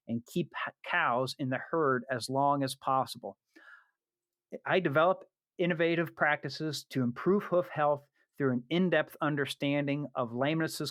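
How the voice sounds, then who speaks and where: A man's voice: on the high side, a bit bright, no echo. A male podcast host opens the interview in an earnest, stumbling way, with lots of uh and um. The sound is dry and close, with no room in it. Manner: stumbling, filler-heavy, earnest. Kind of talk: casual interview introduction.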